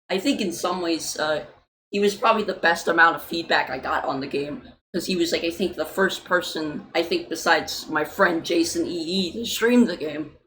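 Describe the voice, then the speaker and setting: A woman's voice: lowish voice, fairly bright tone, a little hiss or hum, rough recording. Rambling young woman on a livestream. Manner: rambling, many fillers and casual swearing. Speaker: indie game developer streaming. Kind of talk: casual livestream Q&A.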